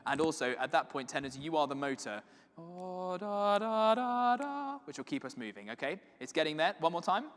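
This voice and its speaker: A man's voice: medium pitch, fairly bright tone. Male choir conductor in a reverberant hall. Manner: brisk, encouraging, sings phrases to demonstrate. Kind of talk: rehearsal instruction. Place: large reverberant rehearsal space. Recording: distant voice in a reverberant hall, piano.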